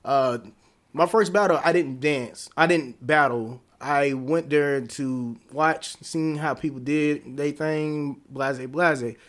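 A man in a casual interview, talking about dance in a relaxed, rambling way full of fillers and slang. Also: fairly high pitch, slow. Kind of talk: casual conversation.

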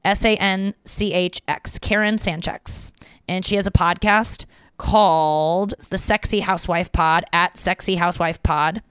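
A woman's voice: fairly low pitch, steady tone, a little slow, fairly bright tone, smooth, no room sound. A woman hosting a podcast, chatting frankly with plenty of swearing and reading listener messages aloud. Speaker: podcast host. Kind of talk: casual chat.

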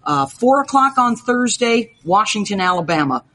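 A woman's voice: medium pitch, sing-song, normal speed, a bit bright. A woman hosting a sports talk show, upbeat and jokey, rattling off game schedules. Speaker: show host.

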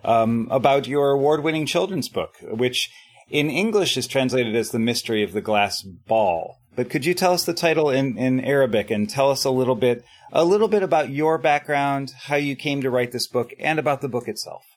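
A man's voice: mid-range voice, lively intonation, moderate pace. A man hosting an interview, asking long, polite, encouraging questions. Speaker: interviewer host.

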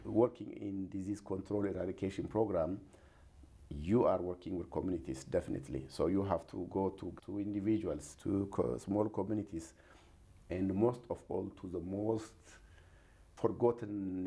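A man's voice: deep voice, moderate pace, mellow, slightly rough. A man from Ethiopia with an Ethiopian accent, telling his story in an interview, earnest and hesitant with many fillers. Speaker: guest, regional health program director.

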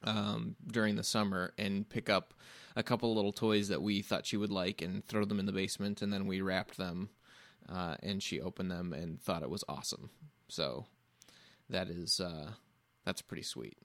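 A young father co-hosting a podcast over a call from home, telling stories in a relaxed casual chat and laughing easily. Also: deep voice, normal speed, no echo. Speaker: podcast co-host.

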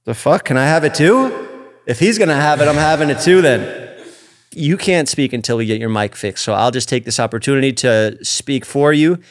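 A man's voice: mid-range voice, normal speed, dry recording, studio quality. A man in his thirties from Staten Island, hosting a podcast and bantering casually with a guest. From Staten Island, New York. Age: 30s. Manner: profane, joking banter. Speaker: podcast host. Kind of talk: casual chat.

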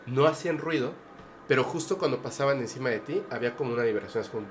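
A man's voice: mid-range voice, fast, a little hiss or hum. A man with a Mexican Spanish accent telling a personal story on a podcast, earnest and hesitant with many fillers and restarts. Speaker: podcast guest. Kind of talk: casual storytelling.

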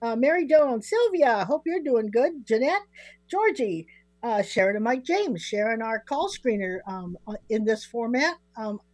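An older woman chats casually as a radio co-host, full of playful asides. Her voice is a little high and recorded very dry, with no room echo. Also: sing-song, moderate pace, a little mellow. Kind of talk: casual chat. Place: home studio.

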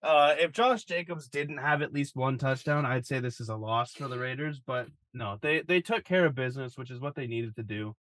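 A young man talks sports casually on a podcast with a relaxed, wry and sarcastic tone and the odd curse. His voice is mid-pitched and recorded dry and close. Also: fairly quick, few pauses, dry recording. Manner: laid-back, wry, swears casually. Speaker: podcast co-host.

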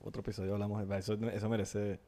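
A man's voice: lowish voice, little pitch movement, quick pace, dark tone. A man with a Venezuelan Spanish accent co-hosting a podcast in casual chat, teasing and often trailing off mid-thought. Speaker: podcast co-host.

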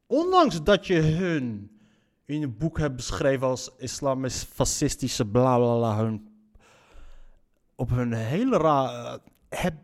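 A man reacting to a story he reads aloud, blunt and incredulous, swearing and stumbling over repeated words. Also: mid-range voice. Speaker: reaction commentator. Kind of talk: reaction commentary.

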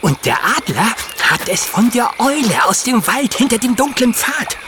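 A man's voice: extremely high pitch, big pitch swings, normal speed. An actor playing a friendly, long-winded male beaver in a children's audio drama, rambling on as he tells a story. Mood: gossipy. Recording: audible background noise.

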